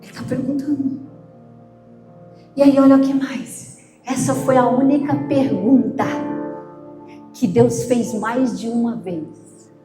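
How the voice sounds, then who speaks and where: A woman pastor preaching a sermon, slow and emphatic, shifting between loud outbursts and hushed questions. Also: sits high, fairly even intonation. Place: church. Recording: echoey church with soft music. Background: soft instrumental music.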